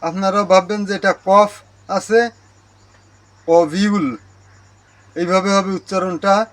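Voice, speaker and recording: Bangladeshi bengali guy, kinda high voice, goes over the arabic words again and again, real patient religious lesson. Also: steady tone, fairly bright tone. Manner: slow, careful, repeats Arabic words to correct pronunciation. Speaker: Islamic teacher and channel host. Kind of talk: religious lesson on Quran recitation.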